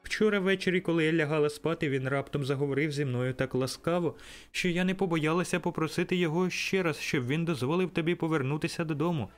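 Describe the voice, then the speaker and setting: A man's voice: a little high, fast, pitched above the performer's own voice, lightly acted. A man reading an audiobook, voicing a joyful, eager little girl who chatters breathlessly. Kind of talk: audiobook character voice.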